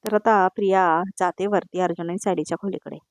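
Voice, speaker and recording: A woman's voice: fairly low pitch, steady tone, fast talker, darkish tone, no echo, studio quality. A woman narrating a TV episode recap in a conversational, opinionated way, repeating the same connecting words. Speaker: serial review narrator.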